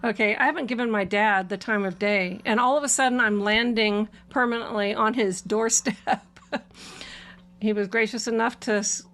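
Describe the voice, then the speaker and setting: A woman's voice: mid-range voice, fairly even intonation, normal speed, fairly bright tone. A middle-aged woman from Washington State, hosting and chatting casually about her past with frequent laughs and fillers. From Washington State, USA. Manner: chatty, laughs while telling the story, many fillers. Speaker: channel host. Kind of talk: casual conversational storytelling.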